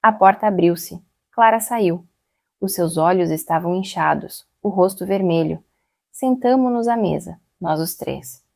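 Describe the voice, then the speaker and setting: A woman narrating a dramatic family story in the first person, in a steady, measured way. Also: on the low side, vocal fry.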